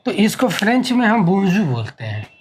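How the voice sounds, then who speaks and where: Slow Indian man teaching French. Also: high voice, lively intonation, slight background noise. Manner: slow, halting delivery, spelling out and repeating words. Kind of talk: classroom language lesson.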